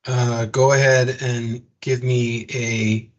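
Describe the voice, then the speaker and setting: A man's voice: mid-range voice, flat delivery, takes it slowly. A man acting as game master of a tabletop game, talking casually and correcting himself as he goes. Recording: dull lo-fi audio.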